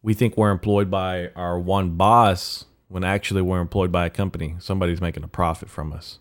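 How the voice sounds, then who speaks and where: Man, low-pitched, raspy, solo podcast host, halting, rambling, sweary, slangy bro-talk. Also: flat delivery. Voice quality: raspy morning voice.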